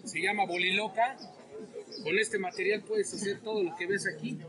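A man with a Mexican accent, selling at an outdoor market stall with a friendly, persuasive sales pitch. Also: fairly even intonation, moderate pace, a loud crowd. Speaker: market vendor.

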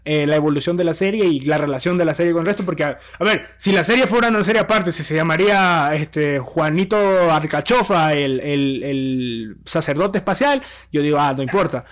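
A young man with a high, light voice. He co-hosts a casual podcast, talking in an animated way and often restarting mid-sentence. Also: fairly quick, hardly any pauses. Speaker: podcast co-host.

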